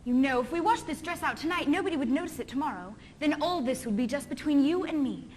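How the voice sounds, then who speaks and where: A woman's voice: high voice, lively intonation, quick pace, a little hiss or hum. A young woman playing a kind, cheerful governess. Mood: gentle. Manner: soft and soothing in speech, bright yodeling in song. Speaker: stage musical actor. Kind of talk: stage musical acting and singing.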